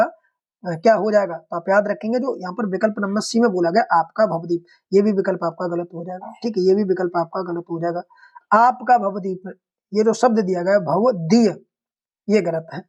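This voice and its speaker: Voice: mid-range voice, darkish tone, muffled recording. A teacher giving an online exam-prep lesson, explaining each answer step by step, often repeating a word to check understanding and addressing viewers as friends.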